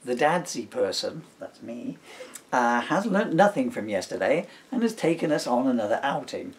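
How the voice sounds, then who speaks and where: Very animated and at a normal speed, this medium-pitched British man in middle age rambles playfully, mixing casual chat with readings of his own comic writing. He's a father, an author and a stage performer, picked up by a camera mic.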